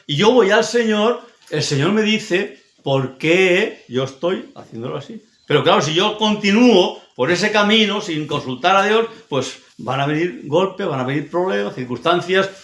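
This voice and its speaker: A man from preaches a sermon in a fairly high voice, emphatic and repetitive, often checking in with his listeners. His voice rings through an echoey church hall. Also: expressive, normal speed, hardly any pauses, a bit bright. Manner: emphatic, repetitive, frequent tag questions.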